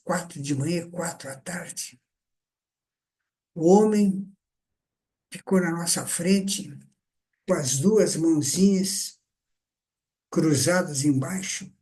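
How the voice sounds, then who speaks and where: Slow, mellow older male lecturer. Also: sits high. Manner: slow, deliberate, conversational teaching with many "então" and "né". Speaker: communication lecturer. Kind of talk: lecture on speaking and presentation.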